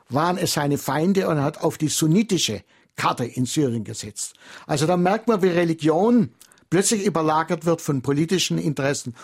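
A man with a raised, gravelly voice and a husky edge talks as an expert guest on a radio call-in. He explains at length in a measured, lecturing way. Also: fairly high pitch.

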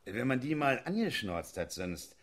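A man's voice: mid-range voice, very animated, a little slow. An actor playing a smug married policeman who chuckles as he justifies harsh policing in a satirical sketch. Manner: self-righteous, chuckling, conspiratorial. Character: smug male riot policeman, married father. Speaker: policeman character.

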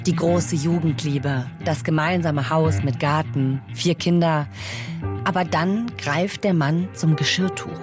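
Low-voiced woman hosting a news podcast. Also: measured pace, music in the background. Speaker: podcast host. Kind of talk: scripted news podcast narration.

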